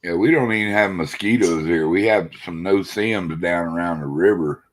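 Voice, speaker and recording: Low-voiced man in his sixties. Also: moderate pace. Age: 60s. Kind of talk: casual chat.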